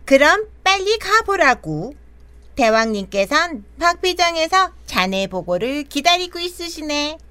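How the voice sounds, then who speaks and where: A woman's voice: high-pitched, big pitch swings, measured pace, bright, forceful tone, no room sound, exaggerated voice. A woman voicing an eager gatekeeper goblin minion in an audio drama. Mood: eager, urging.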